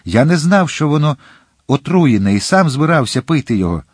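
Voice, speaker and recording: A man's voice: fairly high pitch, big pitch swings, brisk, breathy edge, no echo, studio quality, pitched above the performer's own voice. A man voicing a young hot-headed guardsman in an audiobook, speaking urgently and emphatically. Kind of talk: audiobook character reading.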